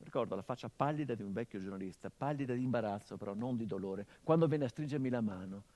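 Speaking quickly in a medium-pitched voice that sounds close to everyday speech, this stage actor portrays a middle-aged son mourning his murdered father. The theatrical monologue is bitter, sardonic and biting, swinging from quiet murmurs to passionate outbursts.

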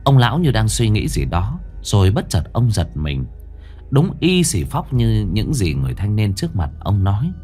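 Giọng nam kể truyện ma đầy kịch tính. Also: male voice, on the low side, wildly swooping pitch, moderate pace, a little mellow, breathy edge, soft background music. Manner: dramatic, vivid. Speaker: storyteller. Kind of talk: ghost story narration.

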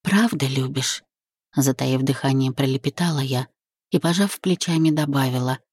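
A woman narrating a first-person romance audiobook in an even, intimate manner. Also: extremely low pitch, brisk, husky, dry recording.

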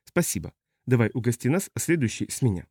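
A man voicing a calm, confident woman starship captain, soft and dry. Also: medium pitch, fast, no echo.

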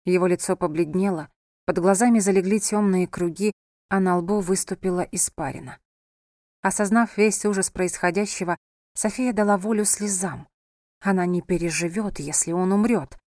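A woman narrating a novel in a measured, even storytelling voice. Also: lowish voice, no room sound, clean studio sound. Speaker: audiobook narrator.

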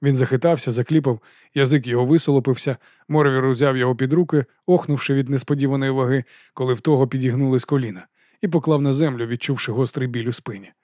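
Man, audiobook narrator, measured expressive reading, dry close recording. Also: mid-range voice, no room sound. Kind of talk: scripted narration.

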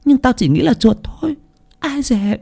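A man voicing a coarse, blunt servant who talks fast and rough. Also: very high voice, lively intonation, dark tone, pitched above the performer's own voice, exaggerated voice. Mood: uneasy. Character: servant Tư, rough-talking, uneasy.

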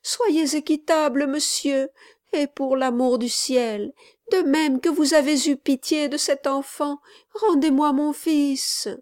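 A woman's voice: high voice, steady tone, slow, darkish tone, dry recording, clean studio sound, pitched above the performer's own voice. Tearful desperate mother, as a woman reader voices her. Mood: desperate pleading. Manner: desperate, pleading, accusing. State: crying. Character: grieving poor mother pleading for her son. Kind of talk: audiobook character reading.

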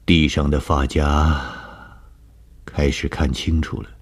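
A man narrating a ghost story for radio in a slow, measured, dramatic reading. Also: extremely low pitch, flat delivery.

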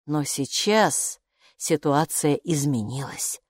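A woman voicing a magical talking bathrobe, a calm male know-it-all who speaks in an unhurried, patronizing way in a storybook. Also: deep voice, dry recording, studio quality, exaggerated voice. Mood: sly patronizing. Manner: unhurried, patronizing, calls her "friend".

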